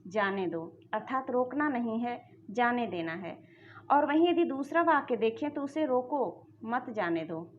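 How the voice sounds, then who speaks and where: Grammar teacher, woman, higher pitch, patient step-by-step explainer, slightly muffled lo-fi recording. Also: slight background noise. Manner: addresses students directly, explains step by step. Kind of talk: explanatory lesson.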